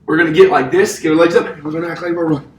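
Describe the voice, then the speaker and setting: A man's voice: fairly high pitch, steady tone, rapid-fire. A young man teaching children exercise like a kids show host, with simple repeated cues and questions while moving about. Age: young adult. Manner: physically active while talking. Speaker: elementary P.E. teacher. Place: indoor classroom. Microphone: distant camera microphone. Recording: roomy, distant mic, faint noise.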